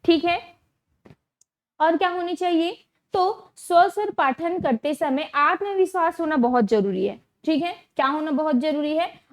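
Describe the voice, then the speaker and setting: High-voiced woman teaching an exam-prep class. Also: lively intonation. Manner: repeats key terms slowly, checks understanding with rhetorical questions.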